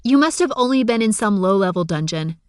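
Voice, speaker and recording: A woman's voice: medium pitch, lively intonation, moderate pace, no room sound, natural voice. Know-it-all gamer woman explaining, woman reading, dry close sound. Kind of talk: audiobook character reading.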